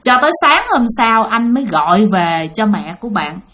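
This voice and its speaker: A woman's voice: medium pitch, very animated, moderate pace, fairly bright tone. A woman narrating a ghost story in a casual, chatty way, speaking directly to her listeners.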